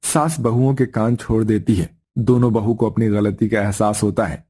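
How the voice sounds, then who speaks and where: A man's voice: fairly low pitch, steady tone, normal speed, warm tone, slightly rough. Man narrating a cartoon story.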